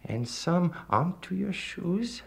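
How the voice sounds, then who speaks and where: A man voicing a sly, smooth male devil in a folktale, speaking slowly and hushed, trailing into whispers. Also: high-pitched, sing-song, a little hiss or hum, voice pushed up, full character voice. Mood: tempting.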